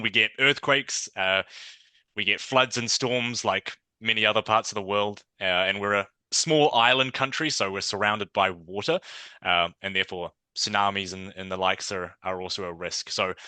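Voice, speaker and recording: A New Zealand man answers questions as a guest on an interview podcast, thoughtful and conversational, with frequent fillers and restarts. His lowish voice sounds pushed and bright at a moderate pace, with no echo.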